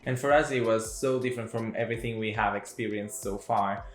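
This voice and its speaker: A man co-hosting a travel vlog in casual chat, easygoing and quick to laugh. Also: on the low side, steady tone. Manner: chatty, laughs often, fillers and restarts. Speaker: travel vlogger co-host. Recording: echoey room with faint music.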